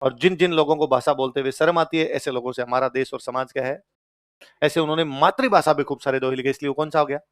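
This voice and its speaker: Young rajasthani guy teaching a class, jokey, quizzes the room, smooth clear voice, dry sound. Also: mid-range voice, fast talker, no room sound. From Churu, Rajasthan. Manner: lively, jokey, asks the class questions. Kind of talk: classroom lecture.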